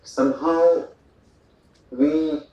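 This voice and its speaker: Speaking a little high with a steady tone, a man from India stretches out his words in a mellow voice. He's delivering an informal, anecdote-filled address at a port day event, complete with fillers and asides. The recording picks him up from a distance in an echoing hall, and the audio is dull.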